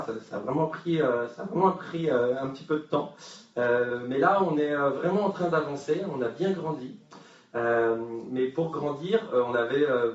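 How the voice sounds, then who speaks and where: A man giving a talk at a forum, telling an anecdote with humor and many hesitations. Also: medium pitch. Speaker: speaker at a forum. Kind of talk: conference talk. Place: conference hall with audience. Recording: far-off echoey hall, dull sound.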